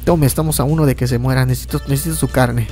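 A man giving casual, excitable gameplay commentary, often yelping and laughing at the game. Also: medium pitch, very fast, soft background music. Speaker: gaming YouTuber.

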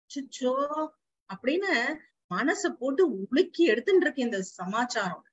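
A woman's voice: sits high, sing-song, moderate pace, slightly rough, no echo, heavily acted. A woman voicing a fretful dog narrating. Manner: fretful exclamations, Brahmin Tamil household speech. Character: male household dog narrating, anxious and watchful. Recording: slightly dull lo-fi recording.

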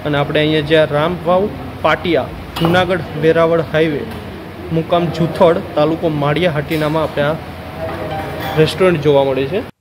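A man's voice: on the high side, steady tone, normal speed, background noise. Chatty man touring a restaurant thali. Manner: chatty, calls viewers brother, lists dishes. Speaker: food vlogger. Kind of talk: casual food vlog. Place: roadside restaurant dining hall.

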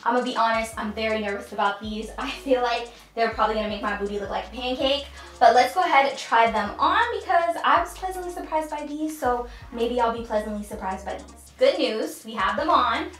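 A young woman chats brightly through a clothing try-on haul and keeps turning to her viewers. Her voice sits a bit high. The room around her gives it a noticeable echo. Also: brisk. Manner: chatty, upbeat, addresses viewers as you guys. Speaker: fashion vlogger. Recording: echoey room.

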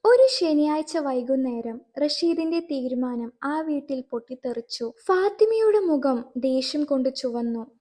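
Woman storyteller, solemn scripted narration, high voice. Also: lively intonation, unhurried, few pauses, warm tone.

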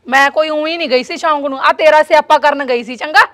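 A woman's voice: high voice, quick pace, a bit bright. A woman acting a nagging wife who quarrels with her lazy husband in a comedy short film. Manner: nagging, argumentative.

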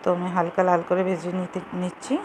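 In a clearly noisy recording from her home kitchen, a woman hosts a home recipe video, giving casual step-by-step cooking instructions in simple words. Her voice is on the low side, her delivery flat, and she talks fast.

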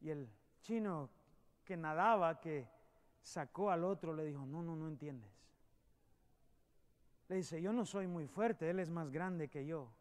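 A man preaching a sermon as a pastor, swinging from loud emphatic peaks to hushed storytelling. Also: on the high side, measured pace, long pauses. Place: church sanctuary.

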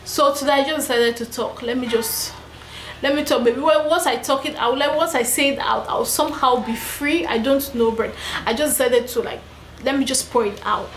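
This is a heavily pregnant young woman venting to camera in her vlog, emphatic and repeating points. Her high-pitched voice moves at normal speed. The echoey room carries faint ambience plus a little hiss or hum.

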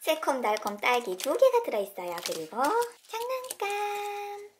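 Bubbly high-voiced woman hosting toy unboxings. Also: very animated, moderate pace, fairly bright tone, a little hiss or hum. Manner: playful, exclaims often, talks to kids. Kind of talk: cheerful narration for children.

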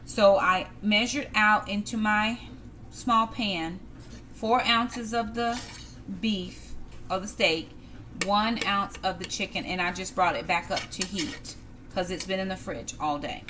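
This middle-aged vlogger talks "y'all" through a home-cooked meal in a relaxed, chatty cook-with-me narration. She speaks at an ordinary pitch with a steady tone and slow pace, captured by a camera on the counter over background noise and the distinct clatter of pans, dishes and cutlery.

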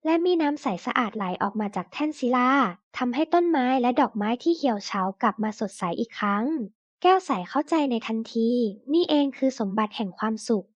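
A woman reading a children's story aloud slowly and clearly, then reading a list of vocabulary words. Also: a little high, animated, dry recording, muffled recording.

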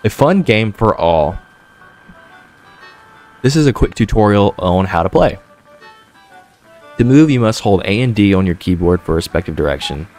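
A man's voice: lowish voice, lively intonation, moderate pace, long pauses, darkish tone, faint music behind. A man streaming a horror game with scared, jittery reactions, repeating himself and speaking in profane, slangy commentary.

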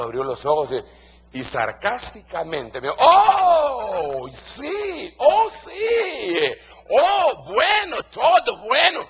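A man's voice: medium pitch, a bit bright, slightly rough, lo-fi sound. A man preaching a sermon to pastors in a Guatemalan Spanish accent, stressing his points by repeating key phrases.

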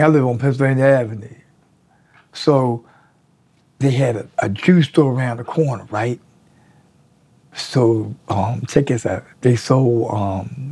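In a casual storytelling interview, a sixty-something man sits in an indoor studio with a draped backdrop behind him. His medium-pitched voice carries salty, animated anecdotes, and he performs the voices of anyone he quotes.

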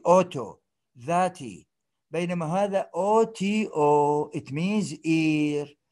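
A man's voice: high voice, darkish tone. A man with an Iraqi Arabic accent lecturing on medical terminology, repeating each term, dropping English terms into his explanation and checking that the class follows.

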